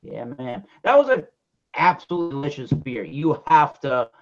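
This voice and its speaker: A man hosting a beer review show, chatting casually on a video call, animated and swearing freely. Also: on the high side, normal speed, faint music behind. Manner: animated, profane, jokey. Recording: dull lo-fi call audio.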